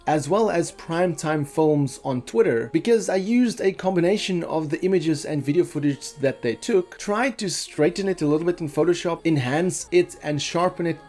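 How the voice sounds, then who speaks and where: A man hosting a commentary video, calmly explaining details of film concept art and thinking aloud as he goes. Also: fairly high pitch, moderate pace, few pauses, soft background music. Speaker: video host.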